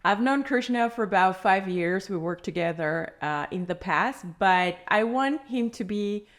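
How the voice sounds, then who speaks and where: A woman's voice: medium pitch, lively intonation, measured pace. A woman hosting a podcast interview in person, framing her questions thoughtfully with many hesitations. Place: indoor room, in person with guest.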